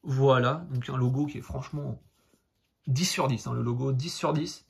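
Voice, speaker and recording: A man's voice: medium pitch, normal speed, creaky. A young man with a French accent reviewing a football jersey in a casual vlog, rambling and filling nearly every phrase with hesitations. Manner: rambling, fills every phrase with "donc" and "euh".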